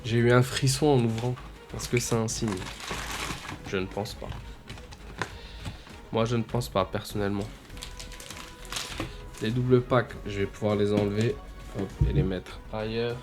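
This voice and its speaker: A man's voice: fairly low pitch, fairly even intonation, measured pace, long pauses, over music. A man with a French accent chatting casually to viewers while opening trading card packs. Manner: chatty, addresses viewers as "les gars", reads card names in bursts.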